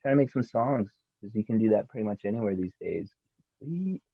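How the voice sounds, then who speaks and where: A man's voice: lowish voice, expressive, a little fast, creaky, husky, no room sound. Laid-back man on a tinny line. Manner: rambling, laid-back, frequent fillers and laughs. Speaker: musician guest. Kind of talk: casual interview chat. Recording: tinny phone-like remote audio.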